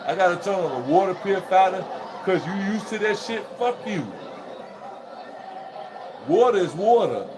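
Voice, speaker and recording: A man's voice: sits high, lively intonation, normal speed, pauses often. A man talking straight to his viewers in a casual, profane, rambling monologue, laughing as he goes. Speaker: vlogger. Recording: noisy recording with crowd chatter behind.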